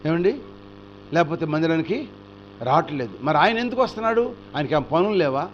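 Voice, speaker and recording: A male pastor preaching a storytelling sermon, animated and asking the congregation rhetorical questions. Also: fairly high pitch, fairly quick, highs cut off, a little hiss or hum.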